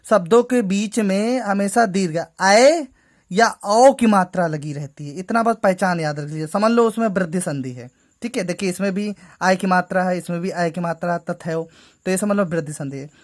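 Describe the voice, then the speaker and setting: A woman's voice: on the low side, moderate pace. A woman teaching a grammar lesson to school students, patiently going through each step and repeating "ठीक है".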